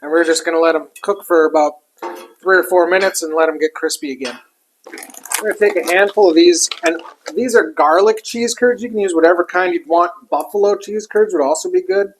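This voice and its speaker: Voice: medium pitch, lively intonation, fairly quick, slight background noise, poor audio. A cook giving a casual, chatty cooking demonstration while working a griddle, with food sizzling and utensils clinking behind.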